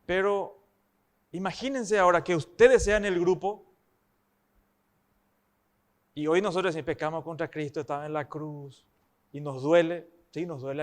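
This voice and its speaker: High-voiced preacher. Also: male voice. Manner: emphatic, asks the congregation rhetorical questions. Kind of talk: sermon.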